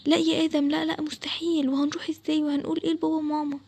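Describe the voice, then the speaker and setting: A woman with an Egyptian accent and a high, darkish, level voice plays a frightened, cautious young girl in storytelling for an animated game video. The girl pleads quickly and anxiously, sounding scared and worried.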